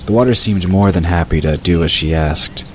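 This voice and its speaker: A male narrator with a very deep voice reads a scripted audiobook in a measured, even storytelling style. The recording is hissy, with birds audible in the background.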